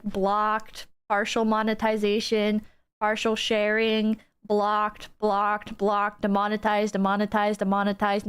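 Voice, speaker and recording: Woman, American accent, brash, teasing, swears, smooth voice. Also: medium pitch. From United States. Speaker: streamer host. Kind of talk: casual stream chat.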